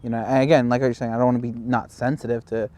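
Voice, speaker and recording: A man from California hosting a casual interview, talking haltingly with many fillers and restarts. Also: medium pitch, flat delivery, darkish tone. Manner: halting, restarts, heavy "you know" fillers. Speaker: host, interviewer.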